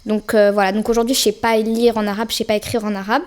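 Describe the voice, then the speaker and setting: Her voice is mid-range and her delivery flat, but this young French woman talks fast. She's a podcast guest having an easygoing interview chat, full of slang and filler words.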